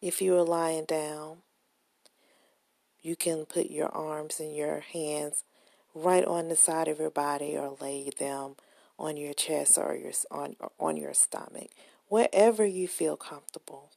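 Speaking very slowly in a mellow, lowish voice with a steady tone, a woman guides listeners through a relaxation meditation. Her soothing, gentle delivery has a breathy, husky texture, recorded dry and close to the microphone.

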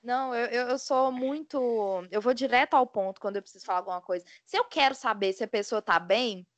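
A woman's voice: fairly high pitch, brisk, dry recording. A woman with a Brazilian Portuguese accent, a podcast guest, chatting casually in blunt, rambling bursts. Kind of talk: casual chat.

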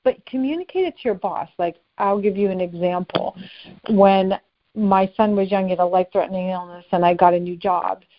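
Being interviewed as a personal development expert, a woman offers earnest, straightforward advice in a mid-range voice at a slightly fast pace. The audio is lo-fi and a little dull.

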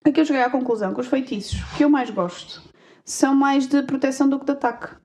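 A woman's voice: high-pitched, fast, a little mellow. A woman co-hosting a podcast in casual chat, playful and often laughing, dropping in English words. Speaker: podcast co-host.

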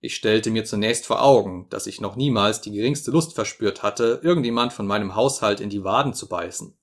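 A man's voice: fairly low pitch, brisk, close to an everyday voice. A man reading as a pompous old professor. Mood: lecturing. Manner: grandiloquent, lecturing. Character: pompous, self-satisfied elderly male professor.

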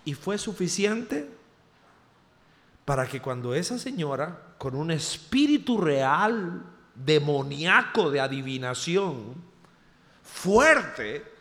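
Animated Costa Rican preacher, bright voice. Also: male voice, on the high side, slow pace. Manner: animated, humorous anecdote-telling. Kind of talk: storytelling sermon. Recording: reverberant hall.

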